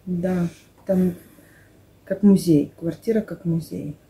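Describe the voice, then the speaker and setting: A woman's voice: on the low side, takes it slowly, warm tone, poor audio. A middle-aged woman chatting casually with a friend, telling things playfully with little sound effects and made-up words. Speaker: vlog co-host, works as a house cleaner. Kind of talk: casual chat with a close friend. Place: small wood-panelled living room, indoors. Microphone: camera across the table.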